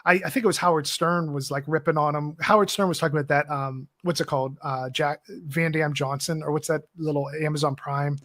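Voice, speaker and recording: Man, fairly high voice, podcast co-host, loose rambling film talk. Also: fairly even intonation, a little fast, hardly any pauses, a bit bright. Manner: rambling, with many "like" fillers. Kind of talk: casual film chat.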